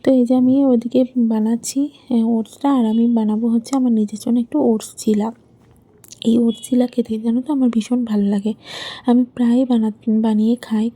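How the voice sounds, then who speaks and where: Fairly high in pitch yet with little movement, her mellow, husky voice comes through in a dry recording. She's a young woman, mother to two little girls, casually vlogging her day around the bedroom and kitchen. The narration rambles, full of fillers and "I mean."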